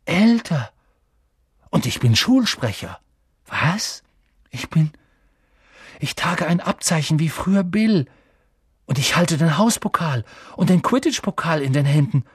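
Eager, boastful schoolboy wizard, a man doing him, husky and raised in pitch, storybook reading. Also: moderate pace, dry recording, clean studio sound, full character voice. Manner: excited, whiny.

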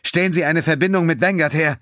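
A man's voice: a little high, fast, a bit bright, no echo, clean studio sound, pitched above the performer's own voice, natural voice. A man doing a furious woman president. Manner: demanding. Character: female colony president, furious and commanding.

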